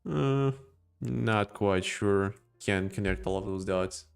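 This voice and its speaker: A man with a non-native English accent hosts a relaxed crypto live stream, joking and rambling through chat replies with laughs and restarts. His lowish voice is gravelly yet smooth, he takes his time, and faint music plays behind him.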